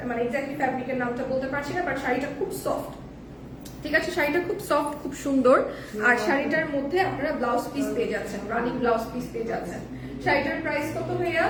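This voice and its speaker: A hoarse woman hosts a live selling stream, chatting casually and slipping in English phrases. Her voice sits high and moves fast, captured from a distance in an echoey room with background noise.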